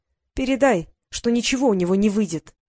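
A woman's voice: medium pitch, animated, brisk, a little mellow, no echo, studio quality, lightly acted. A woman reading the part of a stubborn, curious girl who keeps challenging with questions. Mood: defiant.

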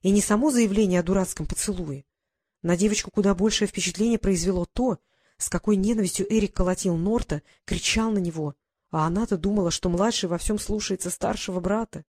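A woman reads a novel aloud in an even, steady storytelling voice. Her pitch sits in a middle range, and the recording is dry and close, with no room sound. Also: brisk, no room sound. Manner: steady storybook reading, quietly acts out the dialogue. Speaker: audiobook narrator. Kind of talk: scripted narration.

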